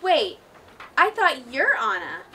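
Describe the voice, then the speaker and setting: A woman's voice: sits high, sing-song, slow, full character voice. A woman playing a curious, bookish princess who probes her friends in a live-action play-acting skit, heard from a distance with music behind.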